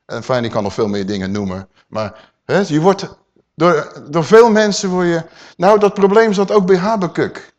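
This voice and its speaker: A man preaching a sermon, dramatic, swinging from loud declaiming to quiet asides and asking his listeners questions. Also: a little high, moderate pace, dull audio. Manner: addresses listeners with rhetorical questions.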